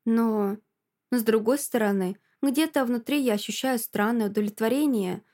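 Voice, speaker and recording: Woman narrator, fairly high voice, expressive first-person audiobook read. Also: moderate pace.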